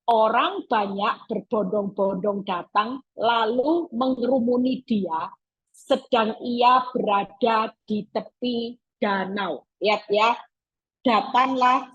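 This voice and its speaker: A woman's voice: fairly high pitch, slow, breathy edge, lo-fi sound. A woman evangelist preaching a sermon over a video call, emphatic and acting out pleading prayers.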